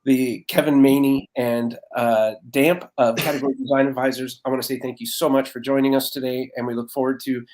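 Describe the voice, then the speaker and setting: A man's voice: medium pitch, level tone, fairly quick, hardly any pauses, darkish tone. A man hosting a live online interview, speaking in an ordinary mid-range voice over a video call. He is effusive and grateful, and his talk is full of "uh"s and "um"s as he wraps up. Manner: effusive, thankful, lots of fillers. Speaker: host.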